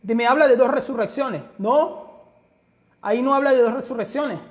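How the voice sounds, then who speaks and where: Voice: high voice, moderate pace. A Bible teacher giving a study lecture, emphatic and full of rhetorical questions, often addressing listeners as brother. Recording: long hall reverb.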